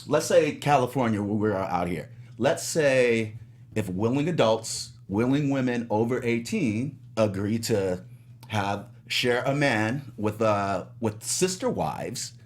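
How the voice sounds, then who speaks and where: A man with a lowish voice talks on a studio panel. He muses out loud, rambles, and keeps restarting his sentences as he works through his points. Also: expressive, takes it slowly. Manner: musing, rambling, many restarts. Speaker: panelist on a TV review show. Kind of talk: casual panel discussion. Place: studio in California.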